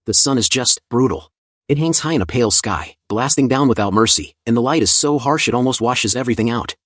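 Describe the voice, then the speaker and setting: A man's voice: medium pitch, brisk, no echo, studio quality. A man narrating a comic story recap in a casual, conversational scripted style with chatty asides.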